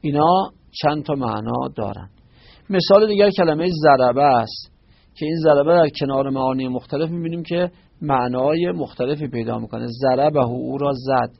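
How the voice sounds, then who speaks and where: A man with a gravelly, husky voice teaches a religious lesson in a patient, explanatory way. He quotes short Arabic phrases and then glosses each one, often breaking off mid-word to correct himself. The recording sounds dull and lo-fi. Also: medium pitch. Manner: restarts and self-corrections.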